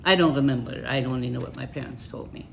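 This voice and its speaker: An older woman with a low voice tells her life story in a relaxed, matter-of-fact way, laughing easily. A faint hiss sits under her voice. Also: fast, vocal fry. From Germany. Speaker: interviewee. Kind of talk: oral history interview.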